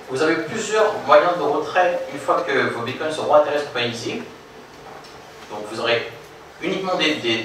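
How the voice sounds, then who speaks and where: A young man presents a product demo to a seated audience, stumbling over fillers and restarting his sentences. His voice sits at an average pitch and comes from a distance in a very echoey room. A faint room hum stays underneath. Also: a bit bright. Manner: halting, many fillers and restarts. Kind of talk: live product demo at a meetup. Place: conference room with audience, projector screen.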